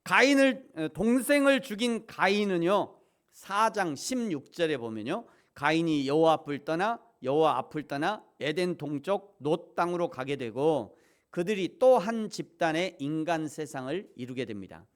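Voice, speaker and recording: A middle-aged man preaching a sermon as pastor, shifting between hushed asides and loud emphatic peaks, and acting out quoted voices as he tells stories. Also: a little high, expressive, moderate pace. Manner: acts out quoted voices in a playful storytelling way.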